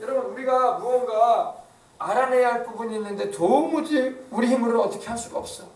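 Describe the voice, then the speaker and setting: A man's voice: very high voice, fairly quick. A male pastor preaching a sermon, emphatic and often asking the congregation questions. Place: church. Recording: echoey church from far off.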